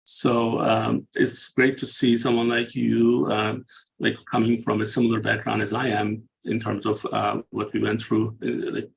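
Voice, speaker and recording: A man's voice: fairly low pitch, level tone, measured pace, gravelly, low-quality recording. A middle-aged man from Turkey hosting an interview, asking questions with many hesitant fillers. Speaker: interview host.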